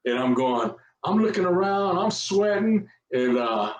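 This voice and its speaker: A retired police officer telling stories in casual chat, animated and laughing often. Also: male voice, unhurried, recorded from a distance. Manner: animated, laughing, jumps high in pitch when quoting others. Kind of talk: casual storytelling. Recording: roomy echo.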